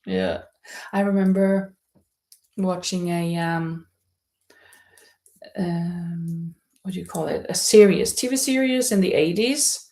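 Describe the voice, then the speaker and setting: Her voice sits on the low side, expressive and a little mellow, moving slowly with long pauses. The Norwegian-accented host knits through a casual livestream indoors at her holiday stay, meandering hesitantly as she reads out what viewers write.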